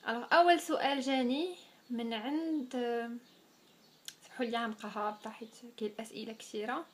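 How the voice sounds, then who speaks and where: Fast, high-voiced young Moroccan woman. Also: fairly even intonation, a little hiss or hum. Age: 20s. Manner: chatty, sprinkles French words. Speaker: vlogger. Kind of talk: casual Q&A vlog.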